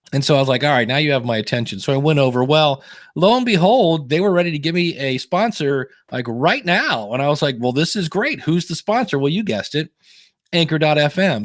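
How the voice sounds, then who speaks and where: A man chats casually on a podcast roundtable, with a wry, sarcastic way of telling his story. His voice sits a little high. The sound is close and dry, with no room around it. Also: no room sound. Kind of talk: casual panel chat.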